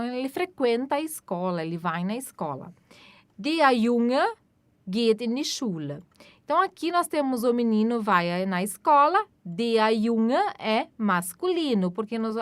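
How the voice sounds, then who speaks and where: A woman teaching a German lesson, saying example sentences slowly and then explaining them. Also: fairly high pitch, no echo. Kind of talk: language lesson.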